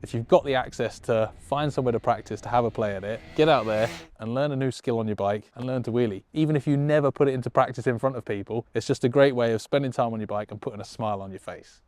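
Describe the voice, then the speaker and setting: A man's voice: medium pitch, fast talker, hardly any pauses, a little mellow. Enthusiastic man teaching riding. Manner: enthusiastic, encouraging and conversational. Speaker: motorcycle riding instructor and show presenter. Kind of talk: explanatory tutorial.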